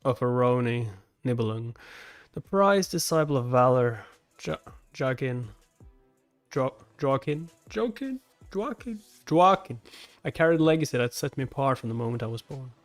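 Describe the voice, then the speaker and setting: Soft background music plays as a man casually reads along with a webtoon, reacting live with exclamations and mocking, disbelieving swears. He speaks at normal speed in an animated, mid-range voice.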